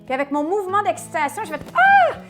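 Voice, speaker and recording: High-voiced woman hosting a cooking tutorial. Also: unhurried, over loud music. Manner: chatty and playful, talks to viewers while cooking. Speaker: cooking show host.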